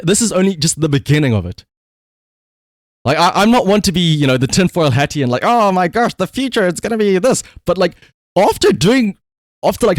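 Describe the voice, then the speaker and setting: A livestream host with a voice on the high side rambles through casual, conversational, emphatic commentary aimed at his viewers. The recording is dry and of studio quality.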